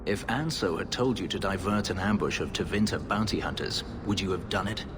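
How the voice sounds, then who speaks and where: With game score running under the dialogue amid background noise, a man speaks briskly in a low, natural voice. He plays a brooding elf warrior, an escaped slave, and keeps his words grave, formal and terse.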